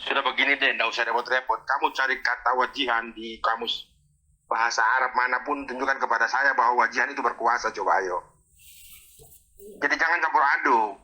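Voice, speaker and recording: A man's voice: mid-range voice, brisk, pushed and bright, rough recording. A man explaining Arabic verses word by word in a heated religious debate, challenging and exasperated.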